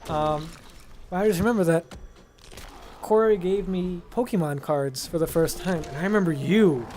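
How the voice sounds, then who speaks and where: Over some background noise, a young American man with a higher-leaning voice speaks at normal speed. He's a video host telling stories to a friend in a casual, slangy, rambling chat, often circling back to repeat himself.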